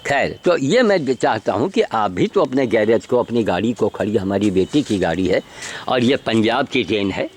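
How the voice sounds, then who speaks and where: A man's voice: fairly low pitch, expressive, normal speed. Blunt older man filming his garden. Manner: blunt, emphatic, with rhetorical tag questions. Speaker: vlogger showing his garden. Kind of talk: rambling self-filmed commentary. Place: outdoors among trees and plants. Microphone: handheld camera mic.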